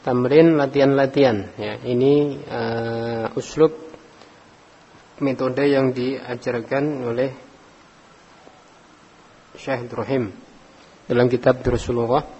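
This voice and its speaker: A man's voice: mid-range voice, fairly even intonation, slow pace, pauses often, warm tone, husky. A man teaching an Arabic grammar class, patiently calling on students by name and mixing in Arabic phrases. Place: study hall with students. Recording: dull recording with long hall reverb.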